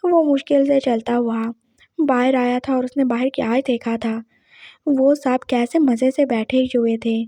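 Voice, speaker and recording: Woman storyteller, high voice, mellow tone, dry close sound, reads dialogue herself. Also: fairly even intonation, measured pace, dry recording. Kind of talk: Hindi story narration with dialogue.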